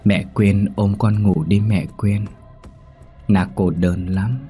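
A man voicing a creepy possessed doll girl who pleads and wheedles in a drawn-out way, in a horror story reading. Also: on the low side, fairly even intonation, mellow, slightly rough, soft background music, full character voice. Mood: pleading.

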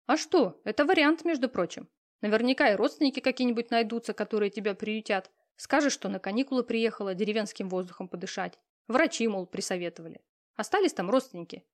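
A woman's voice: fairly high pitch, animated, quick pace, lightly acted. A woman reading an audiobook, voicing a cheeky young female friend who is breezy and matter-of-fact.

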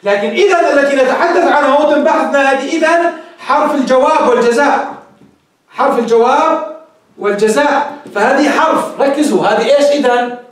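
Man, very high voice, grammar teacher, explains step by step, quizzes students, booming room echo. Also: a little fast. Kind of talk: classroom lecture. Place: classroom with a board. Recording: very echoey room, mic far off.

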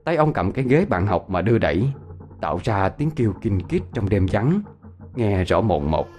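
Male storyteller, dramatic and lively, over soft music. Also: fairly low pitch, normal speed. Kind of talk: scripted ghost story narration.

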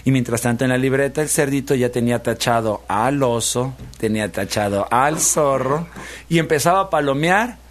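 A man, a radio host telling a children's story in a lively, repetitive rhythm. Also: medium pitch, normal speed. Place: radio studio.

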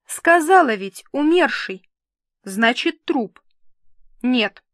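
A woman's voice: high voice, expressive, takes it slowly, a bit bright, no echo, clean studio sound, voice pushed up, full character voice. Woman doing a whiny, theatrical girlfriend. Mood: insistent. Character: excitable scatterbrained woman friend.

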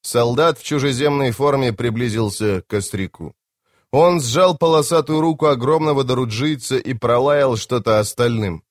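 A man narrating a fantasy audiobook in a dramatic, expressive way. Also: mid-range voice, normal speed, no echo, studio quality. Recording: home-made audiobook.

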